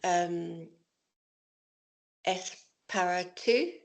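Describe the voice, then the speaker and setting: Woman learner on a call, slow n unsure, lots of ums. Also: on the low side, creaky, low-quality recording. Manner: tentative, with fillers. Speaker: student. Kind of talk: hesitant learner answers.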